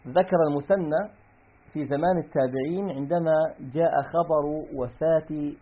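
A male grammar teacher reads a classical text aloud, then breaks down examples step by step. His voice is on the high side with a breathy edge, and the recording sounds tinny, like a phone.

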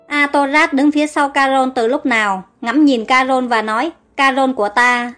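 A woman narrating an audiobook story in a steady, plain reading manner. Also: sits high, moderate pace, faint music behind.

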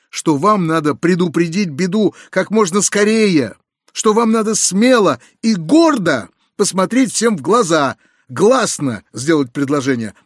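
A man narrating an audiobook in a measured literary reading, also speaking the first-person narrator's lines. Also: sits high, no room sound, studio quality. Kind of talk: scripted narration.

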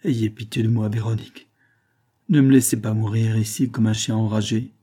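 A man's voice: on the low side, fairly even intonation, normal speed, dark tone, close to an everyday voice. A man voicing a sick, self-pitying middle-aged glassmaker who moans and pleads in a plaintive, feverish voice. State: feverish and in pain.

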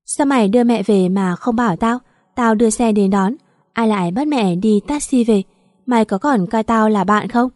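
A woman's voice: on the high side, normal speed, a little mellow, no room sound, lightly acted. A woman voicing an earnest young man who insistently denies the charges against him and pleads to be believed. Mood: hurt.

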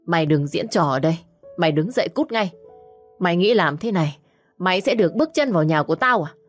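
A woman voicing a fierce widowed village mother who scolds harshly and fast. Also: fairly low pitch, animated, faint music behind. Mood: furious.

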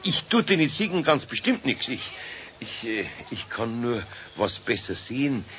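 A dull 1970s radio recording with faint noise captures an actor in a children's radio play, voicing a kindly but flustered older Bavarian-accented craftsman who hesitates, mutters and sounds awkward and evasive. His mid-range, fairly bright voice swings widely in pitch and runs a little slow.

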